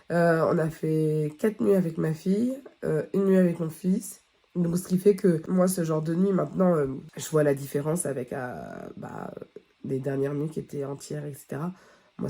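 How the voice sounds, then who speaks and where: A French beauty vlogger with a deep, mellow, slightly rough voice and vocal fry chats casually to the camera at home early in the morning. She has a head cold and rambles, full of fillers and restarts.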